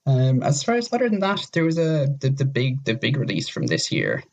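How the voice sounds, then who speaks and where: A man with a medium-pitched voice talks briskly, his pitch swooping wildly, as a casual podcast guest. He rambles with enthusiasm, stacking up intensifiers while recommending games.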